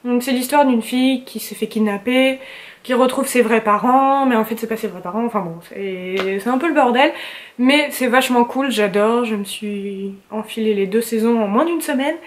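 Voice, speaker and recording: At home indoors, a young woman vlogs in a casual chat about her favorites, gushing and chatty with plenty of slang and fillers. Her voice is on the high side and she speaks at normal speed.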